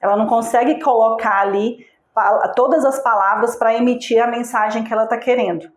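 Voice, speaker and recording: A woman's voice: fairly high pitch, fairly even intonation, fairly quick. Woman teaching, questioning the viewer, echoey. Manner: asks the viewer direct questions; patient, explanatory, checks in with "tá?". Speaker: online course instructor. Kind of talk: recorded video lesson.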